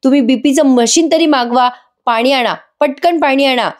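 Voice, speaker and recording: A woman voicing a frantic young husband and doctor who shouts urgent commands. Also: high voice, moderate pace, voice pushed up, close to an everyday voice.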